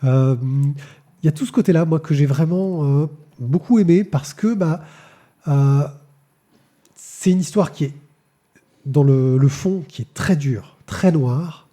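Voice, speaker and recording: A comics podcast host reviews comics in a live-streamed show, talking casually with plenty of fillers and repeated words. His voice is on the high side, unhurried and mellow.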